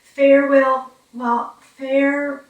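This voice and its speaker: A woman, telling her own story in a documentary interview, slow and halting, with pauses and fillers. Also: high-pitched, level tone, muffled recording. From Newfoundland, Canada. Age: 40s. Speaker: brain injury survivor telling her story. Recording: echoey room, mic far off.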